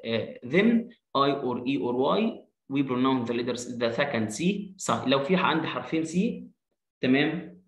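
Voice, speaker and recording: A man with an Egyptian Arabic accent teaching an English reading lesson, sounding words out slowly letter by letter, with quick explanations in Arabic. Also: medium pitch, fairly bright tone, reverberant, rough recording.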